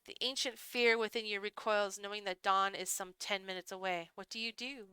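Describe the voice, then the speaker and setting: A woman's voice: medium pitch, fairly even intonation, normal speed, bright, forceful tone, clean tone, dry recording. A woman streamer reading a visual novel aloud with chatty, laughing asides, her throat drying out. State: voice going hoarse, throat dry.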